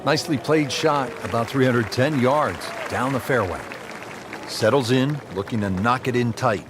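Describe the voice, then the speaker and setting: A man's voice: mid-range voice, normal speed, noisy background. A man working as a golf commentator, calling play in short descriptive phrases and putting questions to his partner. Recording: loud music and crowd behind.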